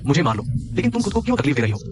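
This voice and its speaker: Cruel jealous thug, taunting, swooping pitch, crowd noise behind. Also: male voice, sing-song, very fast. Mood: pleading. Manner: threatening, taunting.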